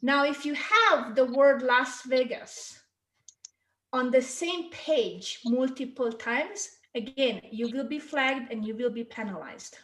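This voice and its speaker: Speaking slowly in a high-pitched, fairly bright voice, this Hungarian-accented woman from Hungary leads a casual online marketing workshop. The audio is poor and reverberant, and she chats along, often asking her audience "okay?" or "right?".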